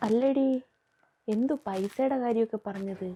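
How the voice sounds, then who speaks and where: A woman's voice: on the high side, normal speed, mellow, breathy edge, faint music behind. A woman acting out a family skit, fussing and scolding as she plays several relatives.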